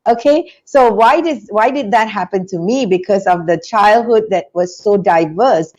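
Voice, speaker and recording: A woman from Singapore, a guest in an interview, telling her story in an animated, chatty way with frequent restarts. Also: mid-range voice, moderate pace, dull audio. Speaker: interview guest, business school founder.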